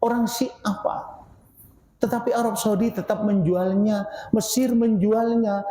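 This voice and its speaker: Older male preacher, fairly high, mellow voice, animated rhetorical sermon, echoey mosque hall. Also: unhurried. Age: 60s. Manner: animated, rhetorical questions to the congregation, swings between loud and low. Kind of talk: mosque study-circle sermon.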